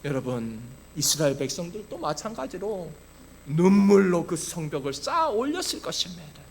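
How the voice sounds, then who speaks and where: Impassioned high-voiced male pastor preaching. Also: big pitch swings, moderate pace, slight background noise. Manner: impassioned preaching, swinging from hushed to loud. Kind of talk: sermon. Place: church sanctuary.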